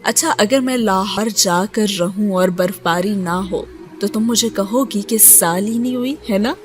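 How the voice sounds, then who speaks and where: A woman voicing a playful, teasing young male student in a romance audiobook, speaking gently and without hurry. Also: mid-range voice, soft background music, close to an everyday voice.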